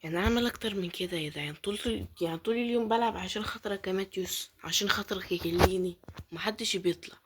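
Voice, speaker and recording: A woman's voice: medium pitch, rapid-fire, slight background noise. A woman with an Egyptian accent giving casual gameplay commentary, pleading and muttering prayers, often dropping to a whisper. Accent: Egyptian Arabic. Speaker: gaming YouTuber.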